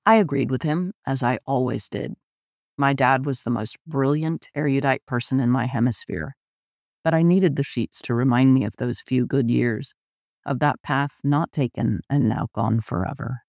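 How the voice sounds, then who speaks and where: A man reading a first-person literary story aloud in a measured, intimate narration. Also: mid-range voice, gravelly, dry recording, clean studio sound. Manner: measured, intimate, often slow. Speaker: audiobook narrator.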